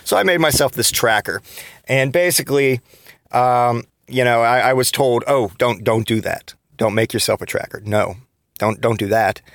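A man's voice: medium pitch, moderate pace, no room sound, clean studio sound. Frustrated man in his thirties venting. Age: 30s. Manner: frustrated venting with frequent restarts and swearing. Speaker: podcast host. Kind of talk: solo podcast monologue.

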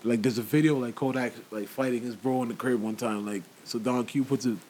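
Fast-talking man telling rambling stories. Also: medium pitch, steady tone, darkish tone, a little hiss or hum. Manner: rambling storyteller, acts out quotes, lots of slang and restarts. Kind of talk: casual chat about hip-hop gossip.

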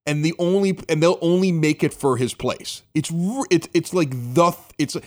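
A man's voice: fairly high pitch, normal speed. A man hosting a local talk show, chatting casually and joking with his guests. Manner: animated, joking, rambling. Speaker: host.

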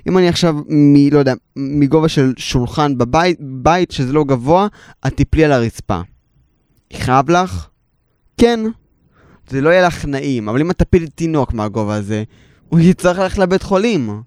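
A man's voice: fairly high pitch, lively intonation, a little mellow, clean tone, dry recording, clean studio sound. A man co-hosting a casual podcast who teases his partner and explains with long examples. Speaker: podcast co-host.

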